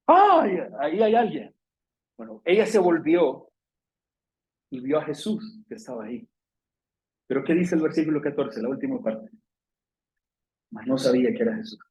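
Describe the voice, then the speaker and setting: A man's voice: slightly rough, low-quality recording. A male pastor with a Salvadoran Spanish accent preaching a fervent, emotional sermon in a church, acting out quotes with sudden exclamations. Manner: animated, acts out scripture quotes with sudden high-pitched exclamations.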